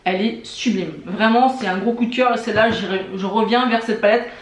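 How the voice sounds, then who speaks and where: A woman's voice: medium pitch, steady tone, brisk. Enthusiastic woman beauty vlogger, echoey room. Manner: enthusiastic, gushing superlatives. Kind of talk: casual product review.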